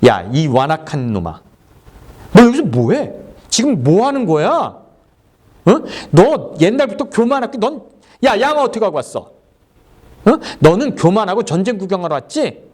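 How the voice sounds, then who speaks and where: A pastor putting on an irate older brother who fires off harsh, scolding questions at his younger sibling. His pitch leaps about, sometimes raised, sometimes pressed low. The voice sits fairly high for a man. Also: very animated, moderate pace, long pauses, a little mellow.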